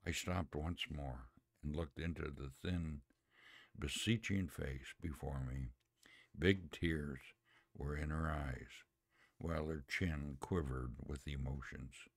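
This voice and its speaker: Male podcast host, storyteller with casual asides; slow, dry delivery. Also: rumbling low, fairly even intonation, no echo. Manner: plain, unhurried reading with homely asides. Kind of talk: reading a story aloud with spoken asides.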